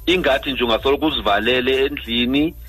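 Husky South African man explaining on radio. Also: mid-range voice, fast talker, a bit bright, soft background music. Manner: checks understanding with frequent tag questions. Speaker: doctor, guest expert.

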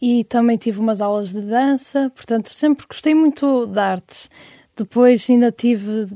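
Young portuguese woman from porto, easygoing chatty guest, bit high, dry close sound. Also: a little slow, mellow, no echo. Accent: European Portuguese. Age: 20s. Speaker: guest singer-songwriter. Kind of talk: casual interview chat.

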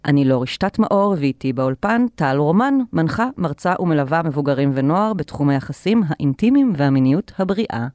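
A woman hosting a podcast interview, chatting in a relaxed way and asking questions in a studio. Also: low-pitched, hardly any pauses, dry recording. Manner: chatty, asks questions and adds comments. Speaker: podcast host.

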